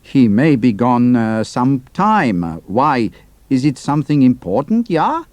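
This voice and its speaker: An actor playing a cool, guarded undercover spy in an audio drama, laconic and noncommittal. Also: male voice, mid-range voice, big pitch swings, measured pace, a little mellow, dry recording. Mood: guarded, casual.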